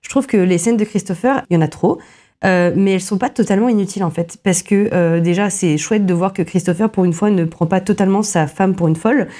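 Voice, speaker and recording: Woman podcaster, mellow mid-pitched voice, hesitant chatty critic. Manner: many filler pauses, restarts, self-deprecating asides. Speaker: film podcast co-host. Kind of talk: casual film analysis chat.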